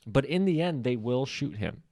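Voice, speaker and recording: A man's voice: mid-range voice, animated, normal speed, warm tone, no room sound, clean studio sound. A man hosting a solo podcast, casually discussing a novel, thinking aloud with frequent filler words.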